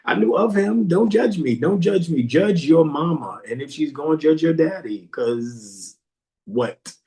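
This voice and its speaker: A man hosting a podcast tells a story in a casual, animated monologue. His voice sits a little high for a man and swings widely, leaping up when he quotes himself. He keeps looping back over the same phrases. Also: unhurried. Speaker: podcast host.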